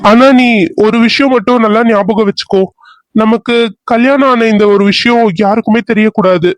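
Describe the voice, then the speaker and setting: A man doing a gentle young husband. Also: high-pitched, moderate pace, dry recording, natural voice. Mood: earnest. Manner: gentle, reassuring. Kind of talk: cartoon serial voice acting.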